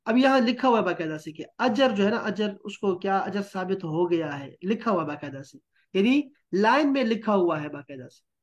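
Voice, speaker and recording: A man's voice: high voice, animated. A man teaching a Quran translation class, patiently explaining word meanings and checking in with students. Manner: patient, explains with repeated checks like "theek hai?".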